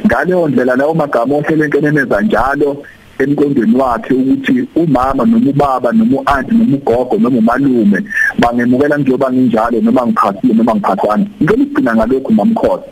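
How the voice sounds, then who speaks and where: Fast, husky Zulu-accented man. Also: mid-range voice, no room sound, poor audio. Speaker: studio guest giving parenting advice. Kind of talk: explanatory radio talk in Zulu with English phrases.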